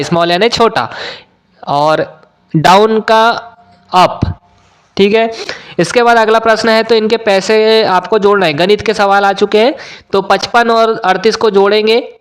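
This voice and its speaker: A male teacher going through an exam paper question by question, explaining each answer step by step with frequent "uh" pauses. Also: high-pitched, smooth. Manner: explains step by step, often pausing with "uh". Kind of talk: exam solution walkthrough.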